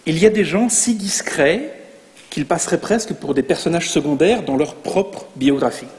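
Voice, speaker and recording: Guy giving a sermon, kinda high voice, wry and lively, big hall echo. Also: normal speed. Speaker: preacher. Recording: long reverb in a large hall.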